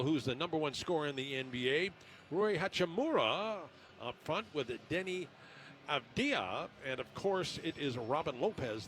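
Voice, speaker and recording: A man commentating on a basketball pre-game show as the radio broadcaster, in a conversational, halting way. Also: fairly high pitch, a bit bright, a little hiss or hum.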